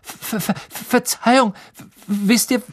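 A man's voice: extremely high pitch, steady tone, a little slow, husky, pitched above the performer's own voice, exaggerated voice. A man voicing a stammering, panicky teenage boy in an audiobook, stuttering and breathless. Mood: flustered.

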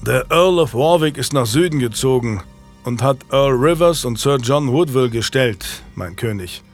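A man's voice: mid-range voice, expressive, moderate pace, faint music behind. A man reading an audiobook, voicing an unhappy, hesitant loyal knight in a subdued way. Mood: grave. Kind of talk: audiobook character voice.

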